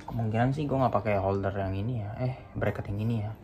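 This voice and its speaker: This young adult motovlogger from Indonesia talks fast in a lowish, dark voice with a little hiss or hum in the recording. Unboxing a phone holder in a small room by a motorbike, he chats casually in Jakarta slang and keeps saying "guys" to viewers.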